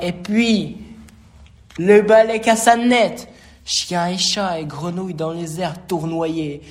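Slow, expressive male storyteller. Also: a little high. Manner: slow, expressive read-aloud. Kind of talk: rhymed storybook reading.

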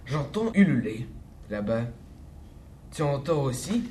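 A man voicing the Gruffalo, a big, hungry, gullible male monster, speaking slowly in a deep growl in a storybook reading. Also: big pitch swings, warm tone, a little hiss or hum.

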